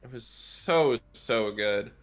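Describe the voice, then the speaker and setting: A man's voice: mid-range voice, slow, soft background music. A man in a casual podcast chat, giggling often and rambling with many restarts.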